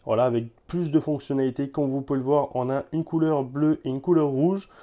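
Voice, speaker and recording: A man's voice: medium pitch, steady tone, brisk, dark tone. A man casually presenting and testing a gadget for viewers, talking loosely with many filler words and repeated words. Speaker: tech reviewer. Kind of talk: casual product demo.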